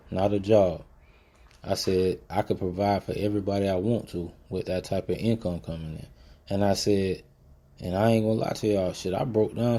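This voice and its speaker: A man's voice: on the low side, mellow. A man hosting a podcast, telling a personal story in a blunt, profane, emphatic way that turns motivational. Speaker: podcast host.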